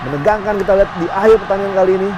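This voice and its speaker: Fast-talking Indonesian male football commentator. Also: high-pitched. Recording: noisy outdoor stadium sound.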